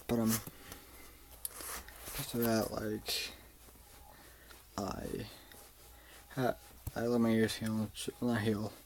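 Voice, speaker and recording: A man's voice: fairly low pitch, vocal fry. Young guy vlogging his story, rambly, swears a lot, faint hiss and clicks in the background. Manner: rambling, swears often, many fillers. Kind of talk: casual storytelling vlog.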